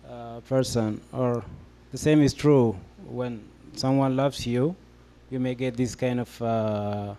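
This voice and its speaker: This young Ethiopian man, a guest on a discussion panel, talks slowly in a warm, medium-pitched voice with a steady tone and hardly any pauses. Even so, he is hesitant while explaining his answer, with many fillers and restarts.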